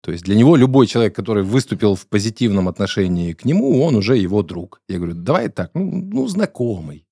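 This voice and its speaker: A man around forty hosts a studio podcast in a deep, husky voice. He talks bluntly and jokes with crude slang. The sound is dry and close. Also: big pitch swings, fast talker, hardly any pauses, dark tone, dry recording. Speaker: podcast host. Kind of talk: casual studio podcast chat.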